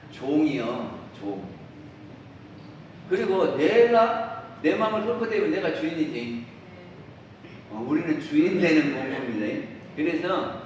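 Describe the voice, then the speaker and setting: With a fairly high pitch, a male Won Buddhist minister gives a dharma talk, often turning to the congregation with questions or acting out ordinary remarks. He sounds far off in a very echoey temple dharma hall, with faint hiss.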